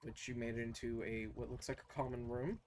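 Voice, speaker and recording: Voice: mid-range voice, fairly even intonation, a little fast, darkish tone, a little hiss or hum. A game master narrating a tabletop game in virtual reality, giggly and scattered, breaking into laughter often.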